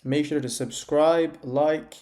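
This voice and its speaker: A man's voice: a little high, fairly even intonation, slow pace, a little mellow. A young man from Iraq giving frank, casual commentary as he ranks men's hairstyles, with lots of "like" and "you know". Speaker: men's grooming YouTuber. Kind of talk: casual tier-list commentary.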